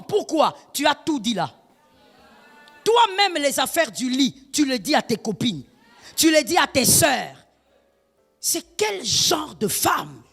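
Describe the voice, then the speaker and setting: Her voice carries vocal fry as this woman pastor preaches insistently, posing rhetorical questions, slipping into Lingala, and shouting at key moments. A long reverb tail follows her words.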